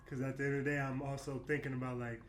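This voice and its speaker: A man's voice: medium pitch, level tone, rapid-fire, slight background noise. A man in his late twenties, a basketball player talking candidly and reflectively in a casual interview. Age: 20s. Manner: candid, reflective, lots of "you know what I mean". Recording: echoey room with faint music.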